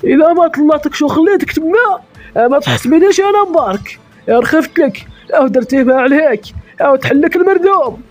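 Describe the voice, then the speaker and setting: Mubarak, a high fuming old man. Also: expressive, fast talker, faint music behind. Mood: exasperated scolding. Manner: cursing, exasperated ranting. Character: fuming old man, a father scolding his daughter. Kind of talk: comedy sketch acting.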